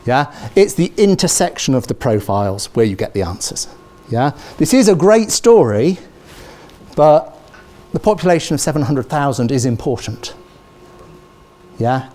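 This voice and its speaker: With a medium-pitched British English voice, a middle-aged man from Britain delivers an animated university lecture. He's recorded via lapel mic in a large lecture theatre and frequently checks in with "okay?" and "yeah?".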